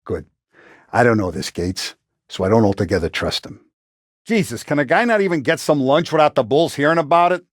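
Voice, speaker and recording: A man plays an authoritative Italian-American mob boss from a 1930s gangster video game, using blunt street slang with a vengeful edge. His middle-aged voice ranges widely in pitch and is recorded dry and close with no room sound. He's expressive and a little fast, close to an everyday voice, with a guarded mood.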